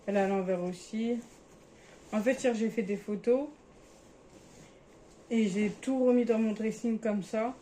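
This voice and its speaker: A woman's voice: a little high, steady tone, a little slow, pauses often, mellow, a little hiss or hum. Chatty young woman showing her clothes. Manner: chatty, hesitant, searching for words. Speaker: vlogger. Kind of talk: casual clothing haul.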